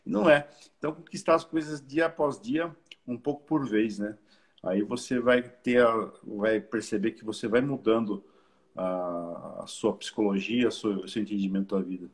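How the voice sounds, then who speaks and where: A man's voice: lowish voice, steady tone, normal speed. A man speaking casually in a spiritist study group, often ending his phrases with a questioning tag and acting out what other people say. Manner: conversational, keeps ending phrases with "né?", quotes people in little acted bits.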